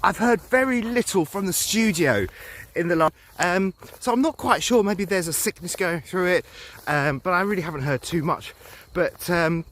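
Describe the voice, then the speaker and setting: A man's voice: sits high, moderate pace, fairly bright tone. A middle-aged man walking outdoors through fields while filming himself, talking in a playful mock-serious way and a little out of breath. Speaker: vlogger. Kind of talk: walking vlog to camera, mock news report.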